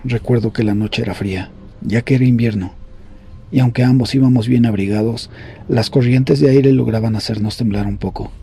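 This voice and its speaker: A man reading horror stories aloud in a grave, measured storytelling voice. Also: medium pitch, fairly even intonation, dark tone. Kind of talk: scripted horror story narration.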